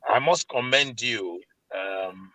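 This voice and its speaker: A man with a deep, low voice, speaking formally and deliberately as a guest on a panel discussion. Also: pushed and bright, no echo, low-quality recording. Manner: formal, deliberate, with courteous greetings. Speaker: guest, creative industry organization leader.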